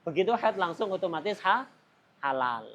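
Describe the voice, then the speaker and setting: Halting religious teacher. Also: male voice, high-pitched, very animated, a bit bright. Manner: halting, breaks off mid-word and repeats, asks listeners rhetorical questions. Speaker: Islamic teacher. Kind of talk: religious study lesson.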